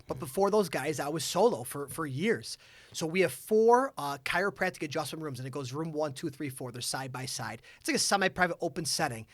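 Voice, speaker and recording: A man, a chiropractor, talking as a guest in a casual podcast chat, energetic and full of stories. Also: a little high, fairly quick, no room sound. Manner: energetic storyteller.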